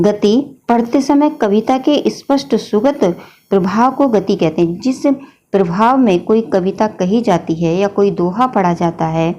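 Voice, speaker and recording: A woman's voice: medium pitch, mellow, dull audio. A woman teacher explaining a grammar lesson patiently, often addressing her students as children. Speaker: Hindi teacher.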